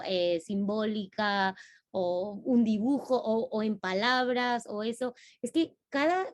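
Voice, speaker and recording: Woman, slightly high voice, reflective math educator, hesitant restarts. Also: a little mellow. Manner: thoughtful, searching for words with many restarts. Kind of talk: casual online discussion.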